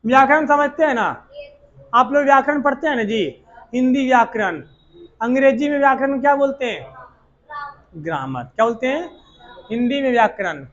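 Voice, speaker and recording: A man's voice: extremely high pitch, lively intonation, moderate pace, long pauses, a bit bright, lo-fi sound. A male teacher, giving a classroom lecture and drilling students with repeated questions and answers. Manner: repetitive call-and-response drilling.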